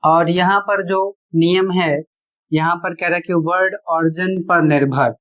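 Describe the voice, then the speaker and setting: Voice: medium pitch, steady tone, measured pace, fairly bright tone. A teacher giving a spoken pronunciation lesson, spelling words out letter by letter and explaining each rule step by step with rhetorical questions. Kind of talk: classroom-style spoken lesson.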